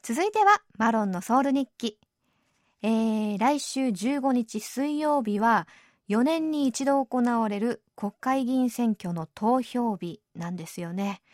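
A woman hosting a radio program in a chatty, easygoing way, often adding soft tag particles as she explains things. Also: fairly high pitch, animated, slow pace, dry recording, clean studio sound. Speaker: radio show host. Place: radio studio.

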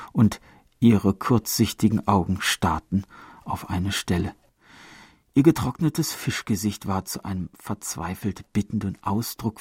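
A male audiobook narrator with a low, gravelly voice that carries a slight huskiness. He reads in a measured, storytelling way, close to the mic in a dry room. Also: a little mellow, no echo.

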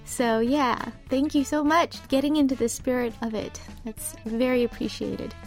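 Soft music plays behind a high-pitched woman talking at normal speed. She's a radio DJ whose American English accent is unusual, chatting easily and reading listener messages between songs with plenty of fillers. She speaks into a studio microphone in a radio studio.

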